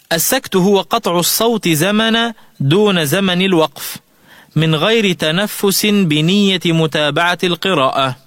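A man giving a slow, scripted tajweed lesson on the radio, explaining rules and chanting melodic examples. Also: sits high, fairly bright tone, no echo, clean studio sound. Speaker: Quran recitation teacher. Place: radio studio.

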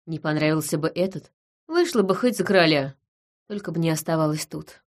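A woman voicing a gruff, brooding man feared as a monster, speaking low and hushed in an audiobook reading. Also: fairly quick, lightly acted.

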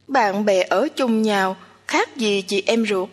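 A woman's voice: medium pitch, takes it slowly. A woman voicing a nosy, teasing young woman who talks in a bossy, chatty way. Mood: coaxing. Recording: long hall reverb.

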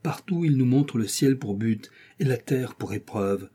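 A man reading a nineteenth-century novel aloud as an audiobook, in a measured, solemn way. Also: medium pitch, animated, warm tone, breathy edge. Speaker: audiobook reader. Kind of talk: scripted literary narration.

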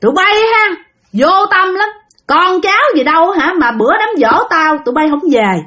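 A woman's voice: animated, normal speed, sharp tone, heavily acted. A woman voicing the vengeful spirit of an old great-uncle who has possessed a relative; he threatens and repeats himself. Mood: menacing. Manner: shrill, threatening, repeats words.

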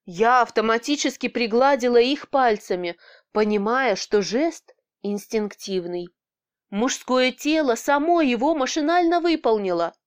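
A woman narrating a story in the first person, lively and expressive, with blunt swearing. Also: fairly high pitch, measured pace, smooth. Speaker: audiobook narrator.

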